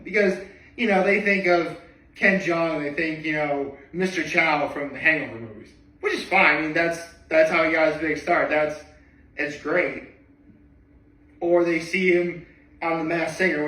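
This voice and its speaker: A man's voice: on the high side, sharp tone. A man chatting casually about a movie he loves, rambling with lots of fillers and rising enthusiasm. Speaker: vlogger. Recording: echoey room, voice from a distance.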